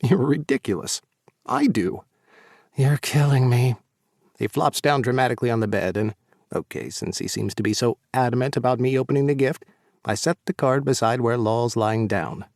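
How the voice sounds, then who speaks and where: A man narrating a first-person romance audiobook in a warm, light storytelling delivery. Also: medium pitch, a little fast, creaky, dry recording, clean studio sound.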